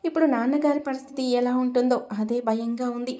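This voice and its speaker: A woman narrator plays a firm, protective younger sister in a told story. She speaks earnestly and scolds sharply, her voice slightly high and held flat. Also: brisk, natural voice.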